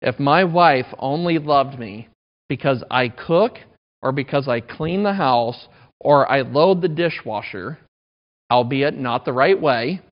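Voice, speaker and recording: A man in his thirties delivers a sermon in a relaxed, chatty way, with jokes at his own expense. His voice sits at a middle pitch. The recording is dull and lo-fi. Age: 30s. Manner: conversational, self-deprecating humor. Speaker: pastor.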